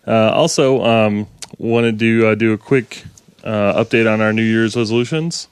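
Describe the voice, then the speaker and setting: A man co-hosting a casual programming podcast, talking in a hesitant way with many filler pauses. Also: on the low side, clean tone, no room sound. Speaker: podcast co-host. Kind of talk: casual tech podcast chat.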